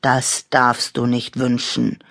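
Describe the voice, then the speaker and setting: A woman voicing a calm, kindly male stuffed toy lion who speaks in a gentle, reproving way, in a storybook reading. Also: takes it slowly, vocal fry, dry recording, clean studio sound, exaggerated voice. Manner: gentle, reproving, low-key.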